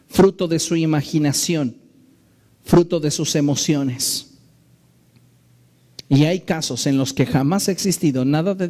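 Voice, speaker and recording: A male pastor with a fairly high voice preaches a sermon in his church. He talks in an earnest, measured way and drags out the phrases he wants to stress. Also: darkish tone. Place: church sanctuary.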